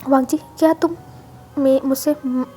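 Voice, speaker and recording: A woman's voice: sits high, steady tone, a little slow, warm tone, faint music behind. A woman voicing a shy young woman who hesitantly pleads for a meeting. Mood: pleading.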